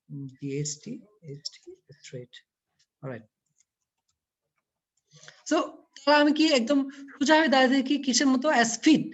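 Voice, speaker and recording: A woman teaching an English poem to a class, explaining it word by word and asking the students questions as she goes. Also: medium pitch. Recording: dull lo-fi recording.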